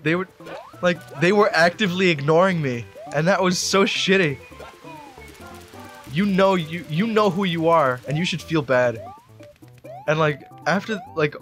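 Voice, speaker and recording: A man rambling through casual gameplay commentary, excitable, with sudden yelps and outbursts. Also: fairly high pitch. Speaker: gamer doing a Let's Play.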